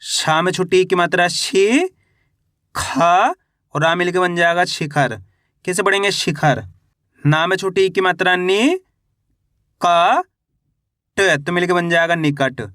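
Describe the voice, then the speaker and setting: High bright man, spelling syllables aloud. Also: takes it slowly, pauses often, no room sound, studio quality. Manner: sounds out syllables, then repeats the whole word; asks the viewer questions and answers them himself. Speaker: Hindi reading teacher. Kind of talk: slow spelling-out lesson.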